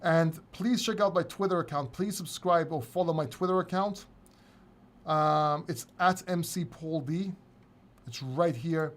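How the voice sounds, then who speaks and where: A man from Greece hosts a casual live crypto Q&A, reading viewer questions from the chat and answering them candidly, sometimes with swearing. His voice sits a little high and moves a little slowly.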